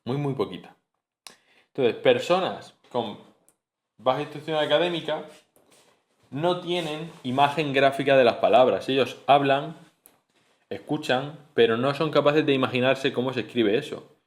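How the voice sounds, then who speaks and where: A man's voice: mid-range voice, moderate pace, pauses often. A man giving a spoken phonetics lesson, explaining patiently and repeating sounds and example words aloud. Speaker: teacher.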